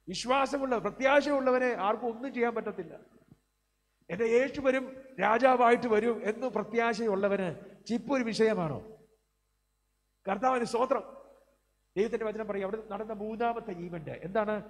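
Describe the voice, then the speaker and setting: A man's voice: high voice, normal speed, pauses often. A middle-aged male preacher delivering a sermon, filling his speech with amens and words of praise. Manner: preaching with frequent amen and praise interjections. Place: community hall. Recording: hall reverb, faint hum.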